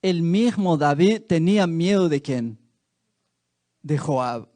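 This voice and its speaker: High-voiced, animated male preacher. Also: slow pace. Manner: dramatic storytelling with rhetorical questions to the congregation. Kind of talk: sermon. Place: church.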